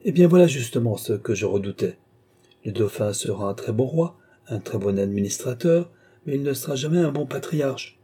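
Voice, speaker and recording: A man's voice: medium pitch, expressive, moderate pace, mellow, husky. A man reading an audiobook, voicing an aging, impatient French king who questions with ironic exasperation.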